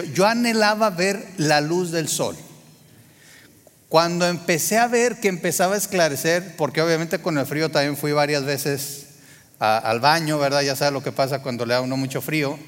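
A man's voice: fairly high pitch, a bit bright. A man with a Mexican Spanish accent preaching a sermon, telling a personal story in a conversational way and often turning to the congregation with "¿verdad?". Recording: long hall reverb.

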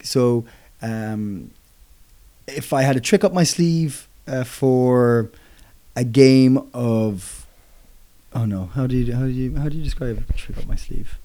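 A man's voice: mid-range voice, slow, mellow. Young man, podcast co-host, rambly, self-correcting, giggly, mid-range voice. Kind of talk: casual chat explaining English phrases.

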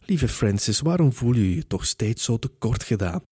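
A man voicing a gentle, persuasive Victorian spirit medium woman in an audiobook, with a soothing, reassuring manner. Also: mid-range voice, expressive, normal speed, breathy edge, no echo, studio quality. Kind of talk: audiobook character reading.

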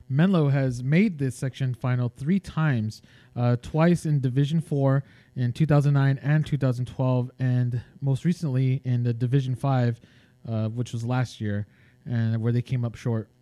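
Californian male co-host, halting casual delivery, mellow tone, dry close mic. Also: mid-range voice, steady tone, no room sound. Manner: hesitant, many fillers and restarts. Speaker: sports podcast co-host. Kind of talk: casual sports chat.

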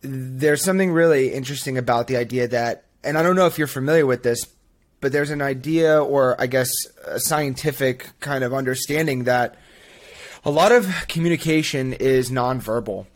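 A man's voice: medium pitch, moderate pace. Thoughtful hedging male podcaster. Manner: thoughtful, hedging, self-deprecating humor. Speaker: podcast co-host. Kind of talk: casual podcast chat.

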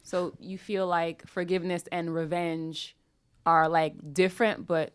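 Woman on a podcast panel, lowish voice, halting but emphatic, thinking out loud, very dry sound. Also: flat delivery, clean tone, dry recording. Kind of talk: casual discussion.

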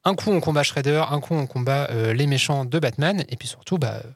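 A man's voice: medium pitch, lively intonation, dry recording. Playful man in a dry booth. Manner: playful, amused, fast-talking. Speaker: podcast co-host. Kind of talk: casual chat.

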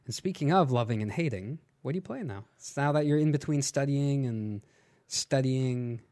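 A man's voice: medium pitch, lively intonation, normal speed, a little mellow. A man hosting a casual gaming podcast, steering the talk with teasing questions. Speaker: podcast host.

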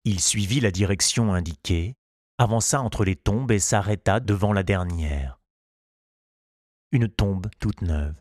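Man, storybook narrator, low voice, measured, unhurried, dry close sound. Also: a little mellow, dry recording. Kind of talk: storybook reading.

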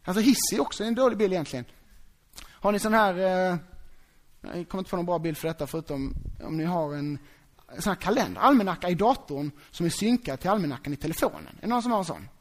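A preacher delivering a sermon in an easygoing, talkative style. The voice moves through a wide, animated pitch range. They keep breaking off to ask the listeners whether they're keeping up. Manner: conversational, asks the congregation if they follow; animated, acts out quoted voices.

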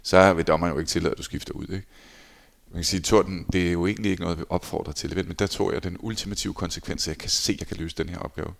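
A man in his forties, a former handball goalkeeper, telling lively anecdotes in a casual interview and acting out quoted lines. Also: low-pitched, vocal fry. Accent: Danish. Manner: animated anecdotes, acts out shouted quotes.

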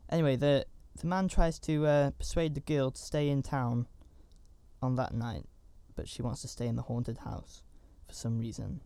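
A man's voice: mid-range voice, fairly even intonation, moderate pace, warm tone, clear, resonant tone, dry recording. A man giving a casual, rambling recap of a horror movie, with chatty asides and fillers. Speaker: film reviewer.

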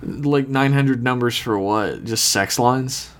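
A man's voice: medium pitch, slow pace. A man chatting casually as a podcast co-host, joking and swearing freely. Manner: profane, joking. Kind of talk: casual comedic chat.

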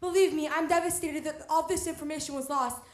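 Woman doing a earnest mom programmer, kinda high, roomy stage. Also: steady tone, a little fast, close to an everyday voice. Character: idealistic middle-aged mother and programmer.

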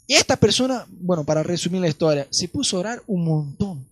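A man's voice: high-pitched, lively intonation, fairly quick, no room sound. A man with a Rioplatense accent preaching a sermon, telling stories animatedly and acting out the voices of the people in them. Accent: Rioplatense Spanish.

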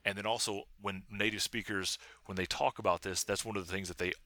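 A man talking as an academic researcher and interview guest, explaining in a halting, careful way. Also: fairly low pitch, steady tone, bright, forceful tone, no room sound. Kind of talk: academic discussion.

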